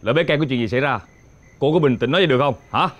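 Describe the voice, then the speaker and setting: An actor playing a reproachful boss who keeps blaming others. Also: male voice, medium pitch, racing, highs cut off, slight background noise, natural voice. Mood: indignant. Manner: accusing, scolding. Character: reproachful male boss, quick to blame. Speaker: actor in a TV family drama. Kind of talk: television drama acting.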